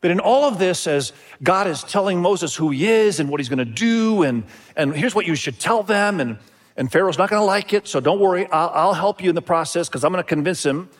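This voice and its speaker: A man's voice: sits high, expressive, brisk. A middle-aged pastor who grew up in Indonesia preaches a sermon with a slightly raised voice. He stays earnest and repeats his phrases, now and then calling out to the congregation.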